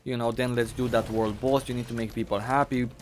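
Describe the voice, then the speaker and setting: A man's voice: mid-range voice, level tone, brisk. A man live-streaming a video game, chatting casually and rambling with many fillers and restarts while he eats. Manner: rambling, full of fillers and restarts, talking with his mouth full. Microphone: desk mic.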